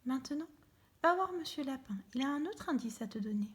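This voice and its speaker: A woman reading a storybook aloud, voicing a kindly old great-grandfather squirrel who gives gentle advice. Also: high-pitched, lively intonation, a little fast.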